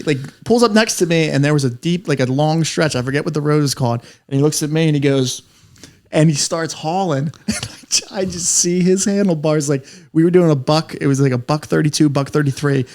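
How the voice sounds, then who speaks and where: A man's voice: on the high side, steady tone, brisk, darkish tone. A man telling rambling, profane stories in casual podcast chat, laughing as he goes. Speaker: podcast co-host.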